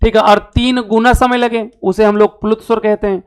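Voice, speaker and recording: Smooth-voiced male Hindi teacher. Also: high voice, fairly even intonation, fairly quick. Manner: asks questions and answers them himself; repeats key terms for emphasis. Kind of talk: online exam-prep class lecture.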